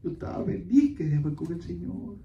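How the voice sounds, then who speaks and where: Pastor guy preaching, swings into loud bursts, roomy church sound with the mic off a ways. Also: sits high, a little fast, gravelly, dull audio. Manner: animated preaching with sudden loud exclamations; folksy storytelling to the congregation. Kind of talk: Spanish-language church sermon. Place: church sanctuary. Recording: echoey church hall, mic at a distance.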